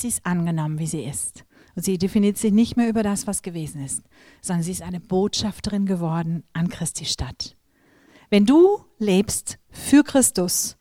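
Middle-aged woman preaching with lively stories. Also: lowish voice, no room sound, studio quality. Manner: lively storytelling, acts out quoted voices, addresses audience directly. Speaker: preacher at a women's gathering. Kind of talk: sermon.

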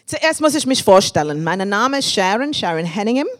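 A woman in her fifties from England, with an English accent on her second language, preaching as a guest and sharing personal testimony with laughs and shouts of praise. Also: medium pitch, very animated, a little fast. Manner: warm and thankful, with frequent laughs and praise shouts.

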